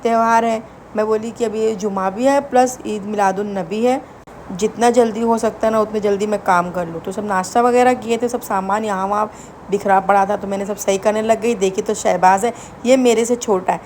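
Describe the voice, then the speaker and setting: A woman's voice: medium pitch, steady tone, moderate pace, darkish tone. Woman, young adult, casual vlog narration, talks straight to viewers, home recording, light background noise. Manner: chatty, addresses viewers directly. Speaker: vlogger. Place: family home, indoors.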